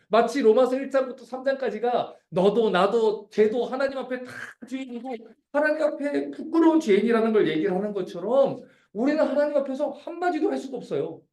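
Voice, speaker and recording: A male pastor preaching a sermon in an animated way, asking his listeners questions. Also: echoey room. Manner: animated preaching with dramatic pitch swings and rhetorical questions.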